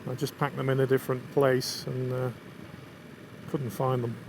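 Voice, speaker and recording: Creaky and level in tone, a medium-pitched man from England talks at a normal pace in a Lancashire accent while riding his motorcycle. He chats casually with viewers, eager about the landscape and the machine, over steady wind, road and vehicle sound.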